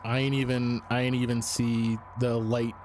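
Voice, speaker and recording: A man's voice: mid-range voice, little pitch movement, moderate pace, darkish tone, a little hiss or hum. A man giving casual, uneasy, sweary commentary as he streams a scary video game. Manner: sweary, informal.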